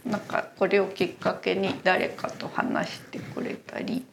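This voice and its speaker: Guest, female, gravelly vocal fry, measured hesitant explanations. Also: medium pitch, wildly swooping pitch, slight background noise. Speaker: exhibition creator, guest. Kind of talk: casual interview chat.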